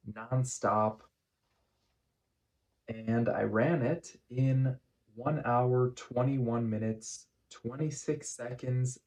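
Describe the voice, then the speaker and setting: A man giving a casual running vlog recap in measured, deliberate phrases with frequent pauses. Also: mid-range voice, a little mellow, low-quality recording. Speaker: running vlogger.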